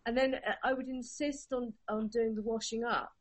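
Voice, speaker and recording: A woman's voice: on the high side, normal speed. A woman, telling funny stories in a casual chat and laughing often as she talks. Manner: animated storyteller, laughing through anecdotes.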